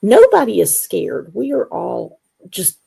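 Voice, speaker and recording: A woman guest on an interview show, telling her story in a casual, animated way and acting out the dialogue. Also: mid-range voice, slow pace, creaky, breathy edge. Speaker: guest, Bigfoot investigator.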